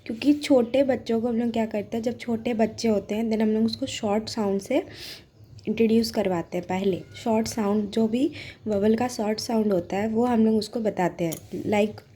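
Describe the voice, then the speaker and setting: A woman giving a patient, casual phonics lesson for parents, sounding out words slowly. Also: fairly high pitch, fairly even intonation, warm tone, slight background noise. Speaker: phonics teacher. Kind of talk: casual home teaching lesson.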